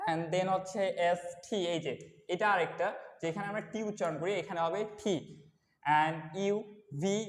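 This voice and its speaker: Young man, high-pitched, patient kids' lesson, echoey room. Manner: explains slowly, repeats letters one by one. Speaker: English teacher. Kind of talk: classroom lesson for kids. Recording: echoey room with long reverb.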